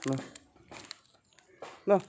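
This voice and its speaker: A man's voice: slow pace, dark tone. A man vlogging casually, talking to his dog and cat in a coaxing, scolding way, outdoors at home. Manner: talks to animals in a coaxing, scolding way. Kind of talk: casual chat to pets and camera. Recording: dull lo-fi sound with faint noise.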